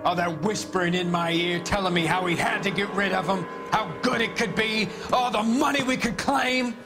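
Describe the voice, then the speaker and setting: Cornered 1940s noir killer: high voice, sneering, taunting, music underneath. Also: male voice, fairly even intonation, moderate pace. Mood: bitter, sardonic. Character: bitter, sneering 1940s male murderer cornered by police. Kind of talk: 1940s noir game acting.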